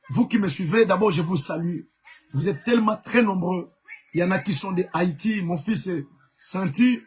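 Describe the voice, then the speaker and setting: Congolese evangelist man, high husky voice, keeps repeating words for emphasis, faint music underneath. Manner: emphatic, repeats key words, frequent fillers. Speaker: evangelist preacher. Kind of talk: live-streamed sermon.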